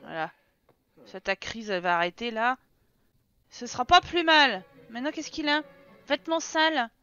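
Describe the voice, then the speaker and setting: Woman, French accent, casual gameplay commentary, chatty and scolding, bright tone, muffled recording. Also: a little high, expressive, moderate pace, clear, resonant tone, soft background music. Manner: chatty, teasing, scolds the game characters. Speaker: Let's Play host. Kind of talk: casual Let's Play commentary.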